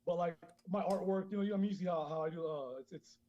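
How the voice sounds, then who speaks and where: A man who grew up in Queens, high and chatting casually as a podcast guest, rambling, swearing a lot and laughing often. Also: fast, dark tone. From born in Honduras, grew up in Queens, New York. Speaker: guest caller, clothing brand founder. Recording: dull lo-fi phone call.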